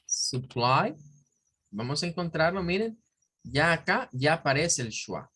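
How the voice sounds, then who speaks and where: A man's voice: on the high side, big pitch swings, moderate pace, sharp tone, slightly rough. A man teaching an online English pronunciation lesson in Spanish, explaining carefully and repeating example words for drill. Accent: Central American Spanish. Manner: looks up words in an online dictionary as he talks.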